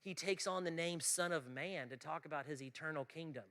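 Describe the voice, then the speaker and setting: A man preaching an animated lecture to students, emphatic, swinging from loud exclaiming to quiet asides. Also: on the high side, fairly quick.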